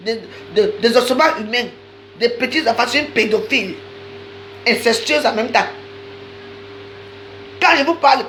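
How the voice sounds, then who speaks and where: A woman's voice: on the high side, fairly bright tone, a little hiss or hum, poor audio. A woman delivering a heated, accusatory live-stream rant, talking straight to her viewers and repeating phrases for emphasis. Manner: accusatory, insistent, addresses viewers directly.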